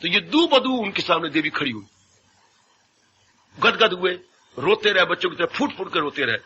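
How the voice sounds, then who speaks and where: A man's voice: high voice, very animated, normal speed, pushed and bright. A man giving a devotional sermon as a spiritual teacher, telling stories and acting out voices. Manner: storytelling, often acting out voices. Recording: dull lo-fi 1990s tape with faint hiss.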